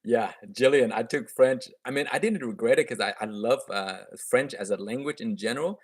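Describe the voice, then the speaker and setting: A gardening channel host in his thirties speaks briskly in a mid-range voice with a breathy edge, captured in a dry recording. He's a native Vietnamese speaker with a slight accent, streaming casually from a room at home on a webcam and answering viewer comments upbeat and chattily, often restarting his phrases.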